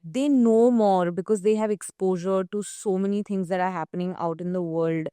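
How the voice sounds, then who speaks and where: A woman's voice: mid-range voice, moderate pace, mellow, smooth, no echo. A woman hosting an interview in a conversational style. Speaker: interview host.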